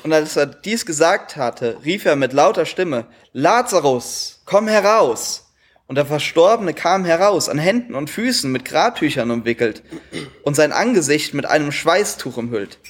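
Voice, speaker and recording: A male interpreter with a slightly raised pitch renders a sermon phrase by phrase. He hesitates now and then, searching for words with fillers before finishing each line. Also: lively intonation, moderate pace.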